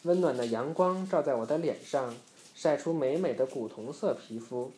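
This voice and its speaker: A man's voice: mid-range voice, animated, moderate pace, dark tone, slight background noise, lightly acted. A man doing a cheerful little snowman. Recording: roomy echo.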